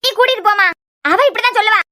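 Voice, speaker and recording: A woman voicing a sharp-tongued middle-aged mother-in-law who scolds and complains, in a Kanyakumari Tamil accent. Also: very high voice, fast talker. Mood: scolding.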